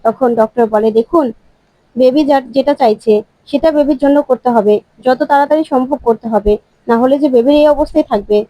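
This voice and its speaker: A woman's voice: high voice, a little fast, warm tone, no room sound, low-quality recording. A woman retelling a TV serial episode as a story, quoting each character's lines in turn. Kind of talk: storytelling recap with quoted dialogue.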